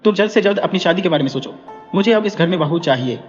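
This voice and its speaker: A man's voice: sits high, expressive, quick pace, pitched above the performer's own voice. A man voicing a weary scolding old mother. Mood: insistent. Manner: scolding, complaining. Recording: dull echoey recording with music.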